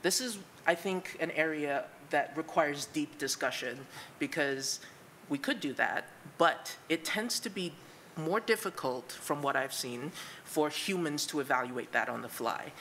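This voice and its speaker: Bright-voiced woman fielding conference questions. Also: low-pitched, a little slow, a little hiss or hum. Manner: thoughtful, hedging with fillers. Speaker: conference speaker. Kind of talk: answering audience questions.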